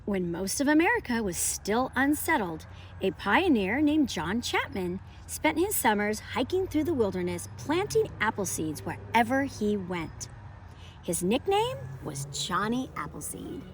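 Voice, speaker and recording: Faint ambient noise sits under a homeschool teacher's voice as she presents a picture book read-aloud and lesson to young children. She speaks at a measured pace, emphatic and storybook-like, with lively shifts in pitch.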